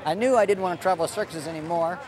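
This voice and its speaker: A man's voice: sits high, quick pace. A man from Idaho, a sword swallower, answering interview questions in a casual, plain-spoken, easygoing way. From Idaho, United States. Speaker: sword swallower and circus-style performer. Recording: noisy outdoor fair with crowd. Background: crowd and outdoor fair ambience.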